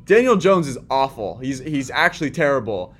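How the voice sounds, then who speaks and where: A man's voice: mid-range voice, big pitch swings, moderate pace, fairly bright tone. A man co-hosting a sports podcast, leading the talk in a casual chat with many fillers. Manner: leads the segments, talks with many fillers and restarts. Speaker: podcast co-host.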